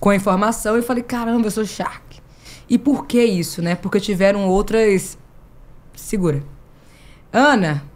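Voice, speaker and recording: A Brazilian woman chats as a podcast guest. She tells her stories with animation and acts out the voices of the people in them. Her pitch sits in the middle of the usual range. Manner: lively storyteller, acting out dialogue with laughter. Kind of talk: casual chat.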